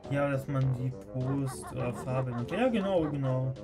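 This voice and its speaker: A man's voice: medium pitch, measured pace. A man giving casual live commentary as he plays a game on stream. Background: video game music.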